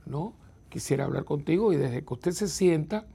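A priest hosting a program, chatting to his viewers in an unhurried, reflective way, repeating words and adding little tag questions. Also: on the high side, expressive, gravelly, mellow, breathy edge. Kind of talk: conversational talk to viewers.

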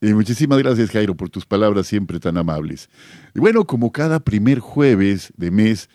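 Devout Mexican radio host. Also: male voice, fairly low pitch, moderate pace, no echo, studio quality. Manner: warm, devout, animated greetings.

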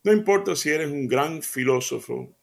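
A man's voice: fairly high pitch, lively intonation, moderate pace, gravelly. An older man hosting a radio devotional, talking in an earnest, folksy way with many hesitant fillers.

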